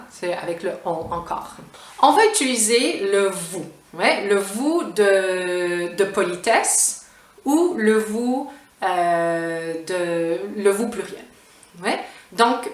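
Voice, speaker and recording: A woman's voice: medium pitch, recorded from a distance. A woman with a Québécois accent giving a casual French grammar lesson, explaining patiently and repeating each example, with frequent "hein" and "ouais". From Quebec. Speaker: French teacher. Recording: roomy echo, voice away from the mic.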